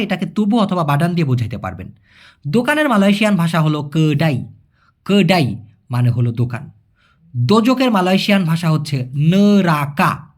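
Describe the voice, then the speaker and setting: A high-pitched man from Bangladesh teaching vocabulary in a patient, step-by-step way. He repeats each new word slowly and keeps checking that his listeners understand. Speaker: language teacher. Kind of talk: spoken language lesson.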